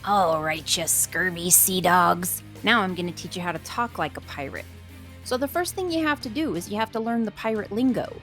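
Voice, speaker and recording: A woman's voice: a little high, big pitch swings, fast, a bit bright, soft background music. A woman hosting a daily calendar show, explaining the day in an upbeat way. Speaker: host. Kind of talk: cheerful daily calendar presentation.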